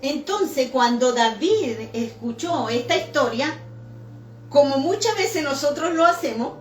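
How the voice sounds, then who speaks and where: High-voiced woman preaching in an echoey church. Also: animated, unhurried, distant mic. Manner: earnest storytelling with rhetorical questions to the congregation. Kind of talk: sermon. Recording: echoey church room with faint music.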